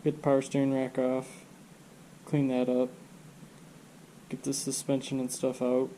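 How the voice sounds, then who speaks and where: A car restoration vlogger with a stuffed-up nose talks casually as he works in his home garage workshop, rambling and thinking aloud with filler words. His voice is medium-pitched and unhurried, relaxed in manner, and the low-quality recording has some hiss or hum.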